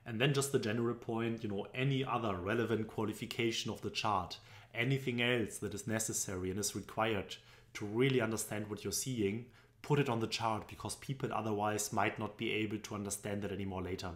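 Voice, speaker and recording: In an echoey room at home, a young man from Germany speaks into his desk webcam, casually walking through business charts with lots of fillers. His German-accented voice sits low, keeps a steady tone, and moves briskly.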